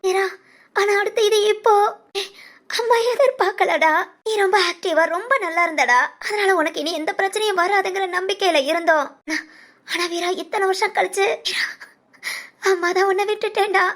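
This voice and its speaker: A very high, thin voice belongs to a grieving mother, as a woman voices her in a cartoon family drama. She speaks tearfully and pleads, as if she is blaming herself. The delivery is close and plain. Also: moderate pace, a bit bright. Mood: remorseful. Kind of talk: animated family drama voice-over.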